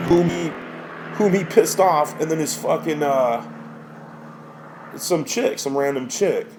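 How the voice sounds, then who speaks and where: A man's voice: a little high, a little mellow, slight background noise. A man working as a rideshare driver, telling a story in a profane, heated rant full of sighs and restarts. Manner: rambling with many restarts.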